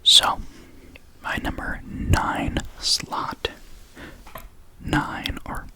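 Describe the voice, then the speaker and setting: Extremely slowly, a young adult ASMR creator rambles in a gentle whisper with no voicing, held close to the mic, lisping and stuttering from time to time.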